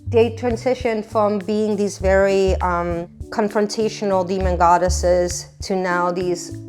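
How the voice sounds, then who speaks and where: A woman from Austria, an artist, speaking reflectively about her work with many pauses, fillers and restarts. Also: mid-range voice, fairly even intonation, faint music behind. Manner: soft-spoken, halting, many fillers and restarts. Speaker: painter. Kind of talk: reflective interview monologue.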